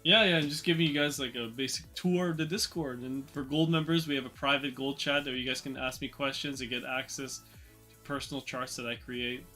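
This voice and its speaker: Bright-voiced man chatting through a trading stream. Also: mid-range voice, fairly even intonation, a little fast, soft background music. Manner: chatty, loose, answers chat aloud with filler and repeats. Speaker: trading livestream host. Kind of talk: casual livestream market commentary.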